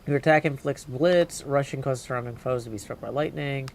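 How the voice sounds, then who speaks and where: Brisk and a little mellow, this medium-pitched voice belongs to a game streamer commenting casually on a livestream. They mumble through decisions and read the game's text out loud, with noticeable noise in the background.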